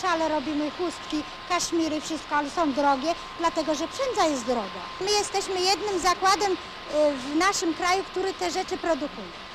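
A woman's voice: very high-pitched, normal speed. A woman factory worker explaining plainly and earnestly in an unscripted interview. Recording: noisy location sound.

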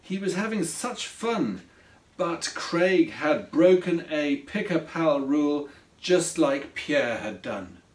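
A man narrates a children's storybook at an unhurried pace, and his pitch rises and falls with a lot of life. He sits a little way from the mic in a room with a noticeable echo. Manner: slow, expressive read-aloud. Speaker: author reading his own story. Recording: roomy echo from a distance.

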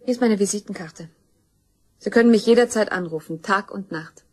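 Over slight background noise, an actress gives a lightly acted, mid-range, darkish voice, speaking a little fast. She plays a grim young woman in a crime radio play who accusingly and insistently demands justice for her murdered mother, determined throughout.

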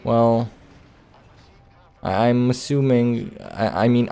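In a lowish, dark-toned voice, a let's play host gives casual gameplay commentary. He comes across as hesitant, rambling and playful.

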